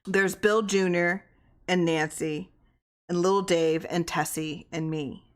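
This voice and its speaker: A woman's voice: on the low side, steady tone, slow pace. A woman voicing a subdued, resigned small-town husband and father in a story reading, answering plainly and regretfully.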